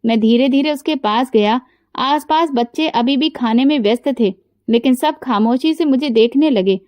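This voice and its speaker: A woman narrating a scripted first-person story in a steady, emotional way. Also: high voice, moderate pace, no room sound, studio quality.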